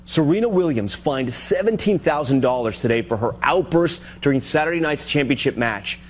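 A man's voice: on the high side, animated, moderate pace, a little hiss or hum. A man delivering a scripted broadcast news report.

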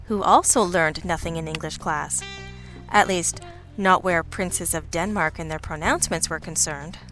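A woman's voice: fairly low pitch, fairly bright tone, rough recording. A woman playing a brash, wisecracking young amateur sleuth who narrates her detective audio drama in a wry, digressive way. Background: music.

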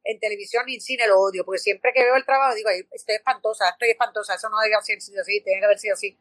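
In a dry recording, an actress from Puerto Rico talks very fast in a mid-range voice with a Puerto Rican Spanish accent. She's the guest in a conversational interview, recounting stories with animation and lots of fillers and restarts.

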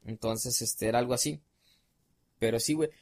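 A man's voice: medium pitch, fairly even intonation, normal speed, darkish tone. Slangy young Mexican man rambling. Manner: rambling, slangy, many fillers. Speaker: podcast guest. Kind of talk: casual storytelling chat.

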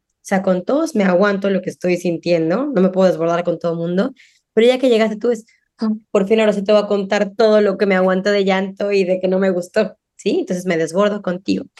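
A woman's voice: medium pitch, fast. A middle-aged woman, a parenting guest on a podcast, speaking in casual conversation and acting out the voices of parents and children. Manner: animated, acts out quoted parents and children.

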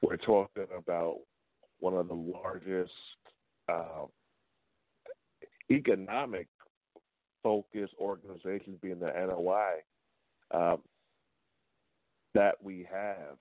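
A man calling in to a talk radio show over the phone, making his points deliberately and repeating them for emphasis. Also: deep voice, no echo. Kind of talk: call-in opinion on a talk show. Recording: tinny dry phone line.

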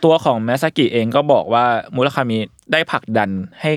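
A young man hosting a casual chat, telling a story in lively fashion and acting out quotes with crude slang. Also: mid-range voice, a little fast, no echo, clean studio sound. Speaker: podcast host explaining an artist's story.

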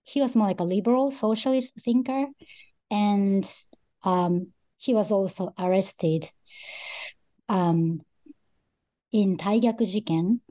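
A woman's voice: mid-range voice, slow, pauses often, mellow. A middle-aged woman from Japan, an author speaking in an interview, thoughtful and hesitant with frequent ums. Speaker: guest author. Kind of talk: interview conversation.

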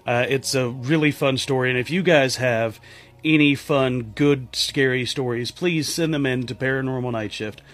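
A man hosting a show and reading a listener's ghost story aloud, with steady pacing and small restarts. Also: mid-range voice, normal speed. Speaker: podcast host and story narrator.

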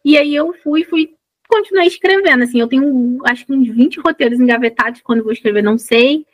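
A woman with a Brazilian accent, a guest author, telling her story in a lively way and acting out what people said. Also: high-pitched, brisk, no room sound, rough recording. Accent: Brazilian Portuguese. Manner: lively, acts out her own quotes. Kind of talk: animated storytelling chat.

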